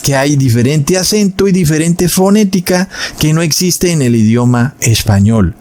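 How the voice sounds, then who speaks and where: A man's voice: a little high, expressive, moderate pace, darkish tone. A man giving an explanatory commentary on religion, teaching in a didactic way, addressing listeners as brothers, and demonstrating pronunciations aloud. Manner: demonstrates pronunciations and baby babble.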